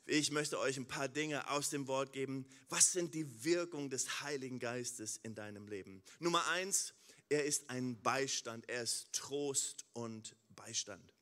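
A man preaching a sermon, addressing the congregation with questions and swinging between quiet prayer-like passages and loud exclamations. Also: medium pitch, unhurried.

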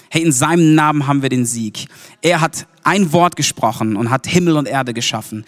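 A man from Germany preaching a casual, energetic sermon, informal and lively, with slangy interjections. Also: medium pitch. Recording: long hall reverb.

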